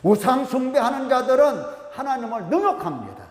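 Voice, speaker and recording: A man's voice: extremely high pitch, very animated, fairly quick, roomy sound, big-room sound. A male pastor preaching a sermon with emphasis, often asking the congregation questions. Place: church sanctuary.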